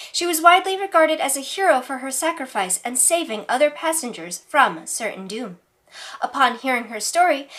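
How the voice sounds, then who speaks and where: A woman's voice: high voice, a bit bright. A woman reading scripted mock news as a parody news anchor, with formal, emphatic delivery.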